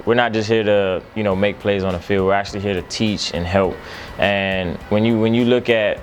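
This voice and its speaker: Earnest young man, low voice. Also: a little hiss or hum. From Maryland, USA. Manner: steady, earnest, repeats phrases. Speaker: quarterback. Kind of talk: casual interview talk.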